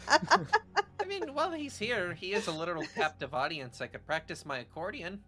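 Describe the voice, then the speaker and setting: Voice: mid-range voice, sing-song, moderate pace, music in the background. A tabletop game player talking casually with the group.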